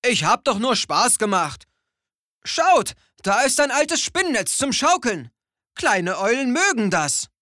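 A storyteller voicing a stern, grumpy old male stag beetle in a children's story, scolding in a loud, raised voice. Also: mid-range voice, very animated, takes it slowly, dry recording, clean studio sound, pitched above the performer's own voice, exaggerated voice. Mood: sheepish.

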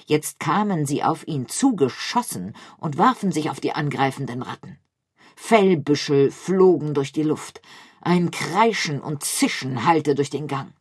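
A woman reading a children's story aloud in a measured, expressive way. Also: sits low, slightly rough, dry recording, clean studio sound. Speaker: narrator.

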